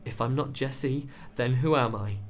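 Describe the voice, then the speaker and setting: A man's voice: medium pitch, normal speed, slight background noise, close to an everyday voice. Man reading as a heated, wary young man. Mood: distressed. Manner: raised, heated outbursts.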